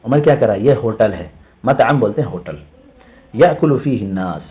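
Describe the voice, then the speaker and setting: A man's voice: on the low side, expressive. A male language teacher explaining a reading passage line by line, repeating words and asking himself questions. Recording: tinny phone-like sound.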